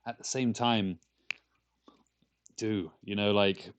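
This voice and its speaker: A man's voice: lowish voice, steady tone, slow, clean tone. An English man from London in his thirties, a game developer chatting casually with viewers on a live stream, rambling with stammered restarts and frequent laughs. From London, England.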